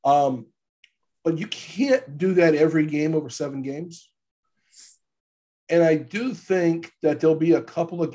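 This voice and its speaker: A man with a fairly high-set voice that sounds stuffed up and a bit gravelly with allergies. He hosts a sports podcast in a loose, chatty way, often restating a point as he works through it. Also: a little mellow. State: congested from allergies. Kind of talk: casual sports podcast chat. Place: podcast studio.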